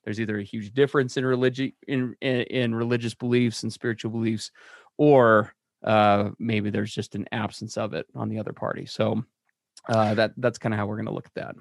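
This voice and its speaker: A man co-hosting a podcast, talking in a casual, energetic way with fillers and restarts. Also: on the low side, brisk, gravelly, dry recording, studio quality. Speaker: podcast co-host.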